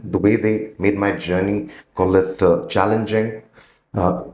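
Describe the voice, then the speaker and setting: An animated middle-aged man tells his life stories as an interview guest. His voice sits at an ordinary pitch for a man, and the room echoes around him. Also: a little hiss or hum. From India. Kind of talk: storytelling interview talk.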